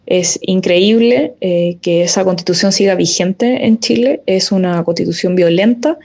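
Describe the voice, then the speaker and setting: A woman's voice: on the low side, unhurried, creaky, a little mellow. A woman giving an indignant, emphatic interview answer.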